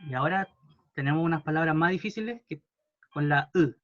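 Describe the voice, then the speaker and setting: A man teaching a language class, patiently modelling words slowly for students to repeat. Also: fairly high pitch, muffled recording. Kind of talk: classroom pronunciation lesson.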